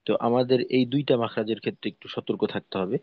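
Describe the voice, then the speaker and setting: A man's voice: medium pitch, very fast, no echo, narrow, tinny audio. A man teaching the pronunciation of Arabic letters in a lesson, patiently repeating his points and demonstrating each sound. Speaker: Quran recitation teacher.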